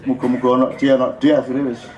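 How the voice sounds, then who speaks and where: A man's voice: medium pitch, very fast, muffled recording. A man with a Javanese accent giving an informal, joking religious talk to a crowd at a live forum. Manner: joking, animated, mixing in local dialect. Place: live open forum event.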